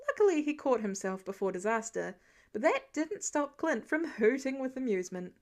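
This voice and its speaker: A podfic reader, a woman narrating fan fiction, speaks at a moderate pace in a high voice that shifts widely in pitch. That movement gives her storytelling an animated, expressive quality.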